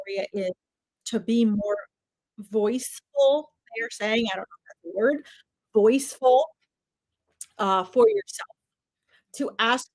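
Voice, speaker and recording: Brief: woman, 50s, higher voice, chatty psychic medium on a live stream, dry close sound. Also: no echo, low-quality recording. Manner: chatty, animated, talks straight to viewers. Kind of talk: live-stream reading, addressing viewers.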